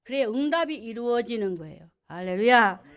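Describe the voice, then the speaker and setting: A woman's voice: sits high, expressive, brisk. A woman pastor preaching a sermon emphatically, asking the congregation questions.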